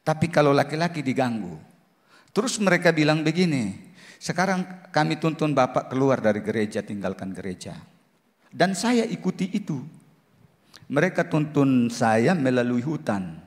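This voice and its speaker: A middle-aged man, a pastor, telling a personal testimony in a sermon, moving between hushed and loud passages. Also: a little high, animated, normal speed. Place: church service hall. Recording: long hall reverb.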